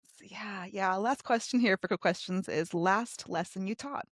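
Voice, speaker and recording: A woman's voice: medium pitch, no room sound, clean studio sound. A woman hosting an interview, upbeat and affirming, chatting casually with her guest. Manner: upbeat, affirming, quick asides. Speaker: host.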